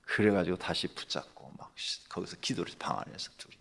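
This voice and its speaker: A pastor giving a dawn sermon, telling a story in a lively way that swings from hushed asides to loud bursts. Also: male voice, deep voice, a little fast, creaky, breathy edge. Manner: animated, swings from hushed to shouting.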